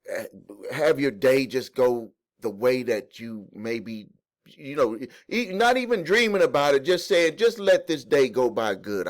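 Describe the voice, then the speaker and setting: A man hosting a credit repair channel, explaining a court ruling in a rambling, conversational way, full of fillers, restarts and folksy asides. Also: medium pitch. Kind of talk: casual explainer monologue.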